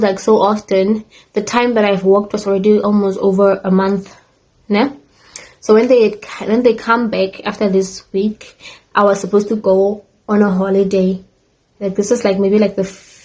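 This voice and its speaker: Telling a rambling story in casual storytime style, a young woman chats away with many restarts and side comments to her viewers. Her mid-range voice sounds a little mellow, though the audio quality is poor.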